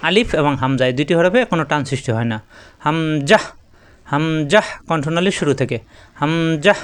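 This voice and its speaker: A male Quran teacher whose native language is Bengali walks through Arabic letters one by one, stretching each sound out and repeating it for practice. His voice sits a little high and comes across smooth and resonant. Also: animated. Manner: methodical, repeats each letter name with drawn-out vowels. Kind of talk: spelling out Arabic letters with pronunciation drills.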